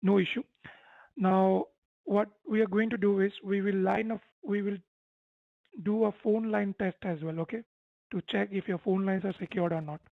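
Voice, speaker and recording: A tech support phone scammer delivers scripted-sounding, persuasive instructions, repeatedly seeking agreement, in a dry-sounding voice. It's medium-pitched and steady at a moderate pace with vocal fry, heard over a phone call with phone-quality sound, no echo, and music behind.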